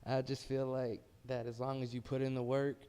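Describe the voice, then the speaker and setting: A man's voice: medium pitch, monotone, moderate pace, mellow, clear, resonant tone. An American man, a heavyweight boxer, talking casually and modestly in a pre-fight interview.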